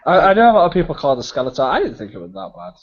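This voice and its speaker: Lively higher-voiced man on a podcast. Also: very fast. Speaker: podcast co-host. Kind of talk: casual chat. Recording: dull podcast recording.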